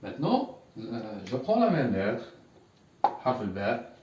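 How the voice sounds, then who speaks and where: This Arabic teacher's mid-range voice swoops wildly in pitch at a normal speed while he patiently repeats words at the whiteboard for learners to echo back. The background is noisy, and he sounds far away in an echoey room.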